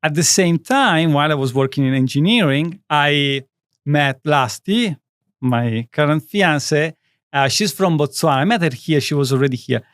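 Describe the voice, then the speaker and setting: A man's voice: fairly high pitch, expressive, moderate pace, fairly bright tone, clean tone, dry recording. A man in his thirties from Italy with an Italian accent, speaking Italian as his first language, telling his story as a guest in a studio interview in an earnest, rambling way. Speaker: guest, skincare brand founder. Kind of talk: interview conversation.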